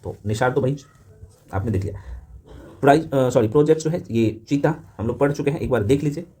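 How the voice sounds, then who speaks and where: Male exam tutor, fast-paced and a bit husky, informal, matey, peppering the lecture with quick check-in questions. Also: medium pitch, warm tone. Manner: rapid-fire delivery peppered with short check-in questions. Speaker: teacher of a current affairs exam class. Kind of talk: fast revision lecture to camera.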